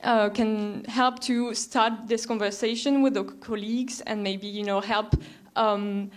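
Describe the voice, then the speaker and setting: A woman's voice: medium pitch, fairly even intonation, unhurried. A young woman, a PhD student putting a question to a panel, hesitant and full of fillers. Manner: hesitant, many fillers and restarts. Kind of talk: audience question at a panel discussion.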